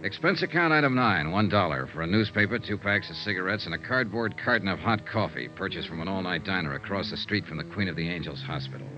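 A hard-boiled detective tells his story in a terse, matter-of-fact way. His voice is low but swings widely in pitch. Music plays under the muffled sound of an old radio broadcast. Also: animated, fast talker, hardly any pauses. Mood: steady. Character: hard-boiled male insurance investigator narrating. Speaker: narrator and detective. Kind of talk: 1950s radio drama acting.

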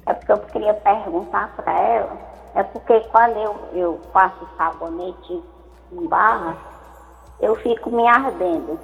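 A woman's voice: mid-range voice, unhurried, creaky, big-room sound, faint music behind. A woman caller, asking a hesitant question over a tinny phone line.

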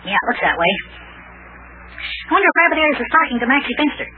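An actor playing an eager, excitable little boy with a small childlike voice in an old-time radio serial. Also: medium pitch, quick pace, lightly acted. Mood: eager, puzzled. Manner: eager, chattering, repeats words. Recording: noisy, tinny old radio recording.

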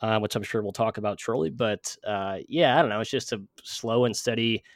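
A man's voice: fairly low pitch, fairly quick, no echo, clean studio sound. A man with a nasal voice, a guest on a casual podcast, rambling and self-deprecating with many fillers. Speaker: podcast guest, sports writer.

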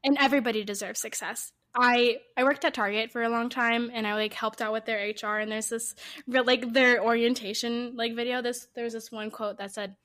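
A woman's voice: fairly high pitch, steady tone, a little fast, a bit bright. A woman co-hosting a podcast, talking in a rambling, tangential way with giggly asides. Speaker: podcast co-host. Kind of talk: casual podcast chat.

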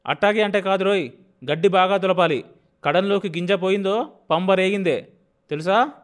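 A man voicing a stern, bossy young farmer who shouts orders at his laborers in an audiobook. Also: a little high, normal speed, voice pushed up, lightly acted. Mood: commanding. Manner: loud, commanding, scolding. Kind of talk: audiobook character voice.

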